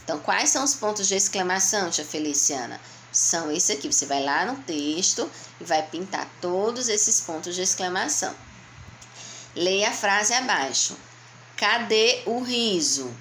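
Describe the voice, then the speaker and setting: Patient Brazilian schoolteacher, low voice. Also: female voice, lively intonation, a bit bright, a little hiss or hum. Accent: Brazilian Portuguese. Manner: patient, slow, explaining step by step to young children; answers her own questions in a child's voice. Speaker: primary school teacher. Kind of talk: remote lesson walking through a workbook.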